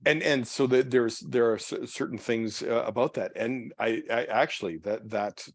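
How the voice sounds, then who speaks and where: A pastor leading a church study group, talking casually and haltingly with many restarts and repeated words. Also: male voice, mid-range voice, fairly even intonation, no room sound, clean studio sound. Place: church meeting room.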